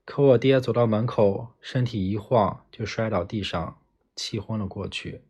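A man narrates a novel in the first person with a low, husky voice. His reading is steady and plain, like a calm audiobook narrator. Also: moderate pace.

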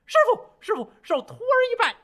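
A man voicing a mischievous, loud male monkey king with a high, shrill, shouting voice. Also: sing-song, fairly quick, full character voice. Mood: exultant.

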